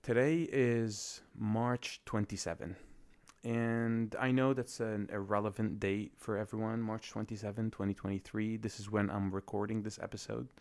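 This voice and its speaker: A man's voice: on the low side, steady tone, normal speed, darkish tone. A young man from Lebanon hosting a solo podcast, talking in a reflective, hesitant way with many fillers. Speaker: podcast host.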